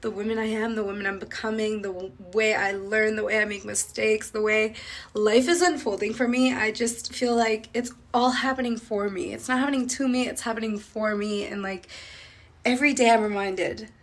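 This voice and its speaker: A woman's voice: mid-range voice, fairly even intonation, normal speed. A young woman from Sri Lanka who grew up in Canada, chatting reflectively as a beauty vlogger while doing her make-up, full of "like" fillers. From Sri Lanka, raised in Canada.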